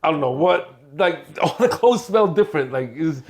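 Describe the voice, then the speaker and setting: A man's voice: on the high side, lively intonation, brisk, breathy edge. A man, a guest talking casually in an interview in a streetwise way, often laughing. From Hong Kong. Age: 40s. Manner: streetwise, laughs while telling stories.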